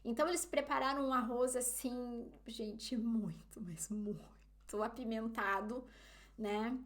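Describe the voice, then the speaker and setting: A woman with a Brazilian Portuguese accent tells a story to her viewers in a loose, chatty way. Her voice sits a little on the high side. She keeps turning to her listeners directly as she talks. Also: slow pace. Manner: chatty, often addresses listeners as "gente". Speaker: vlogger. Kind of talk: casual storytelling to camera.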